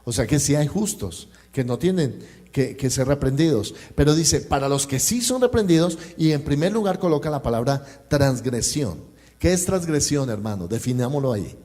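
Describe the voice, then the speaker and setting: Colombian pastor with a mellow voice. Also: male voice, medium pitch, animated, normal speed. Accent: Colombian Spanish. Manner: storytelling, acting out dialogue and addressing the congregation. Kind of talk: sermon with personal anecdote. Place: church service.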